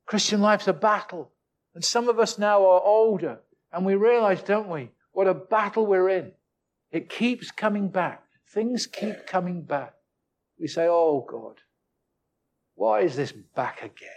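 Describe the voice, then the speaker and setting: A man preaching a sermon, earnest and full of rhetorical tag questions, slowing and dropping his voice to stress key words. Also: high-pitched.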